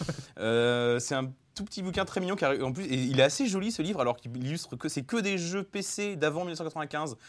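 A man talking as a guest in a casual conversation, recounting things in an animated way. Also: on the high side, quick pace. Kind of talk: casual chat.

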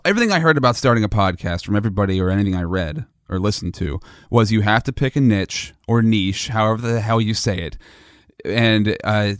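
A man's voice: lowish voice, expressive, quick pace, no echo, clean studio sound. A man hosting a podcast, chatting casually, self-deprecating and laughing easily. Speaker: podcast host. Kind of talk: casual chat.

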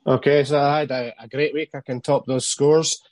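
A man's voice: mid-range voice, steady tone, moderate pace, a little mellow, no room sound. A man chatting casually about fantasy football as a podcast panelist.

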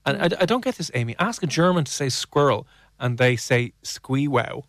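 Teasing Irish radio host. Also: male voice, medium pitch, fairly quick, no echo, clean studio sound. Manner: playful, teasing, animated. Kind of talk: casual radio chat. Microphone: studio microphone.

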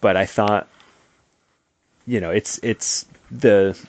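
A man's voice: on the low side, steady tone, slow, dry recording. A man co-hosting a comic book podcast, chatting casually and laughing often as he talks. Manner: easygoing, laughs often while talking. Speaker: podcast co-host. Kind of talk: casual chat.

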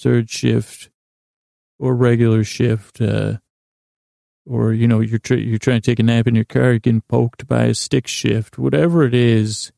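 Rambling through an improvised bedtime monologue, a male podcast host with a soft, dark, gravelly-fry voice keeps his pitch in a narrow band. He halts, corrects himself and meanders into tangents and self-deprecating asides, recorded close and dry with no room sound.

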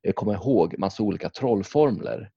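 Guy rambling about old games, kinda husky, lots of ehm and swearing. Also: lowish voice, lively intonation, warm tone, no echo, dull audio. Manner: rambling, many fillers and restarts, swears often. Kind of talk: casual chat about video games.

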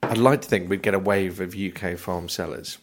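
A man's voice: low voice, steady tone, fairly quick, slight background noise. A man talking grain and fertiliser prices in a casual chat, blunt and plain-spoken. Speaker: grain trader.

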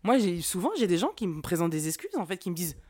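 A woman's voice: on the low side, fast talker, slightly rough. A woman hosting a podcast, telling stories in casual slangy French and acting out the quotes. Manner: slangy, animated storytelling with acted-out quotes. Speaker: podcast host. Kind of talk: casual monologue.

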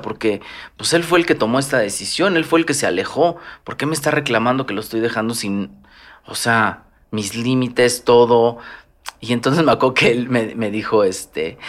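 A Mexican man chatting casually as a podcast guest, spinning personal anecdotes and slipping into the voices of the people he quotes. His pitch is middling, and his delivery stays expressive and conversational throughout. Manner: storytelling, animated, acts out quoted dialogue. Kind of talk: casual chat.

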